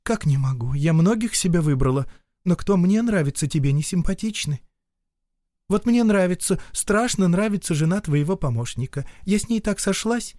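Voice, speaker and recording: A gentle young noblewoman, put on by a man reading aloud, soft and earnest in a pleading way. She is quietly stubborn. The storybook reading sounds dry and close. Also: high voice, lively intonation, normal speed, no echo, voice pushed up.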